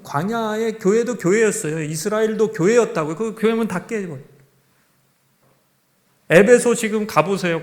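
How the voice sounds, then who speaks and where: A male pastor preaching a sermon in a conversational way, asking the congregation question after question. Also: fairly high pitch.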